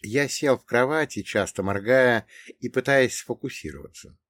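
A man's voice: medium pitch, animated, moderate pace, fairly bright tone, no room sound. A man narrating a first-person story with wry, ironic asides. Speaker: audiobook narrator.

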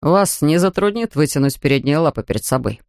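Man doing a stern tired cop, low, formal and dry, no room sound. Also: lively intonation, a little fast, creaky, a little mellow, dry recording. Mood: official. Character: stern, weary male police officer. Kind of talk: audiobook character voice.

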